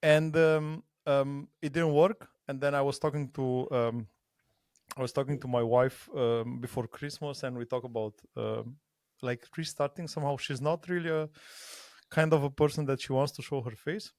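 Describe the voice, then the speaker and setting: A man's voice: mid-range voice, fairly even intonation, moderate pace, darkish tone, no echo. Talkative romanian guy, native romanian, rambly, laughs a lot, dry close sound. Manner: chatty, rambling, laughs often. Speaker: podcast guest. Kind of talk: casual video-call chat.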